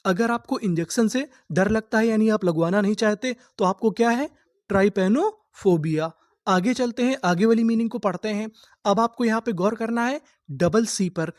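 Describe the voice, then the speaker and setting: Male tutor, patient classroom delivery, spells words slowly and repeats them, dry close sound. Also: high voice, a little mellow, dry recording. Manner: spells words letter by letter, asks and answers himself; drills each word by slow repetition. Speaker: English reading teacher. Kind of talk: spoken lesson to students.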